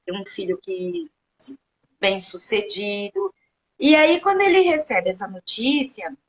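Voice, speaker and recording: A woman's voice: medium pitch, fairly bright tone, rough recording. A woman from Brazil hosting an interview, who asks conversational questions and often restarts and corrects herself. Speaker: host. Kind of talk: interview questions, casual chat.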